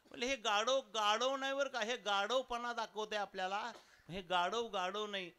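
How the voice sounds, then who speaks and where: A man's voice: high-pitched, normal speed, clear, resonant tone. A man with a Marathi accent preaching a devotional kirtan, telling a story and acting out village voices. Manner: animated storyteller, acts out village voices, breaks into sung verses. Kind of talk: devotional sermon storytelling with song. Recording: live outdoor sermon with accompanying music.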